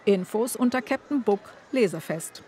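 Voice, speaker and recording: A woman reading out local event listings as a news presenter, in brisk announcing style. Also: medium pitch, lively intonation, warm tone, a little hiss or hum.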